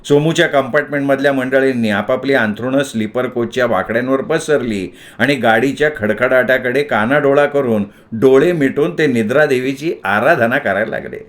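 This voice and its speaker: A man narrating a story aloud in an expressive, dramatic storytelling manner. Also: mid-range voice, normal speed, hardly any pauses.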